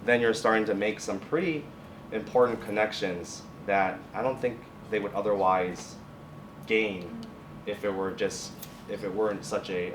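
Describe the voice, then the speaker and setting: A deep-voiced man, a high school biotech and science teacher, is a guest speaker giving an informal presentation with questions and answers. He often restarts and corrects his phrases. The classroom or lab at a college sounds echoey, with a distant mic and faint noise.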